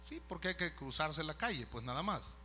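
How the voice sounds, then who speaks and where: A man's voice: on the high side, very animated, a little fast, bright, forceful tone, a little hiss or hum. A man, a pastor telling a story in a sermon, conversational with asides to the listeners. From El Salvador. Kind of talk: sermon testimony.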